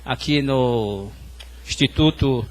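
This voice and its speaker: Slow and medium-pitched, a male pastor delivers his sermon by relating hospital stories and speaking directly to those gathered.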